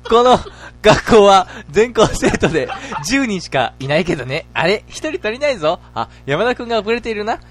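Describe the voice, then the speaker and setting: Brief: a bossy, easily baffled male teacher read by a man, fairly high, lively voice, faint music behind. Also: moderate pace, hardly any pauses. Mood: teacherly. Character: flustered male schoolteacher leading a game.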